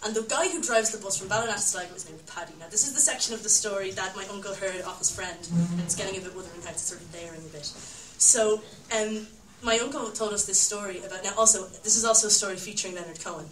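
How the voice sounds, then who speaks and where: A young Irish woman rattles through a rambling tale on stage at a storytelling night, her medium-pitched, fairly bright voice moving fast with few pauses. Laughter and "like" keep breaking her off into side comments. The distant mic picks up an echoey room, the audience, and a little hiss or hum.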